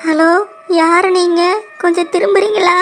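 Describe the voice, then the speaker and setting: A woman's voice: extremely high pitch, steady tone, moderate pace, noisy background. A woman voicing a panicky village woman in a cartoon, wailing and crying out in fright. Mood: frightened. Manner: shrieking, wailing "aiyo" in fright. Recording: music playing behind the voice.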